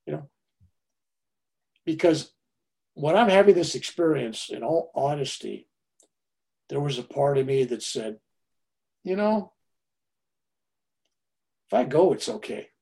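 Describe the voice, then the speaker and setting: A man animatedly telling a personal story in casual talk, swinging from loud to hushed. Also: mid-range voice, gravelly.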